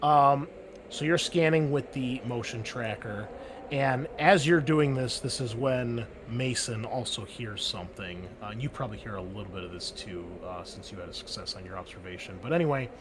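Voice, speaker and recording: A man with a medium-pitched voice acts as game master for a tabletop roleplaying game, explaining and narrating in a conversational way and pausing while he thinks. Some background noise is present.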